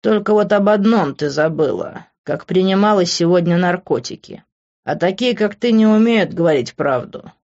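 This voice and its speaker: A woman's voice: lowish voice, expressive, moderate pace, a little mellow, lo-fi sound. A woman voicing a sarcastic young man who speaks dryly and coldly. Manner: dry, clipped. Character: cold, sarcastic young man narrator-hero.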